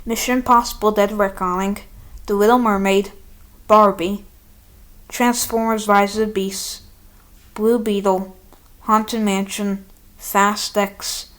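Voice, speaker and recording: Excitable woman ranking movies. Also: medium pitch. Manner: excitable, rambling, talks straight to viewers. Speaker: movie reviewer. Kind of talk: casual movie ranking vlog.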